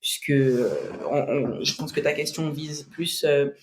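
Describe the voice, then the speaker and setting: Against slight background noise, a deep, unhurried female voice with fairly even intonation is heard. She is a bodybuilding athlete from French Guiana guesting on a casual podcast, reflective, laughing easily, and full of fillers and restarts.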